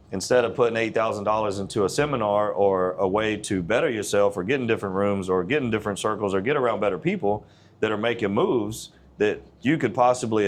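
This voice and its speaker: A man in his forties, a gym owner, talking in a blunt, earnest, plain-spoken way in a casual interview. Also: lowish voice. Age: 40s.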